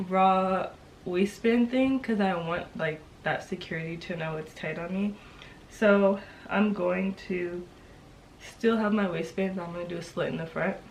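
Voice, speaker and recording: A young woman vlogger with a slightly stuffy nose talks in an informal, halting way. Her voice sits at an average pitch and carries a light nasal congestion from a cold. There is some background noise around her. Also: rough recording. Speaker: sewing vlogger. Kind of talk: casual chatty vlog.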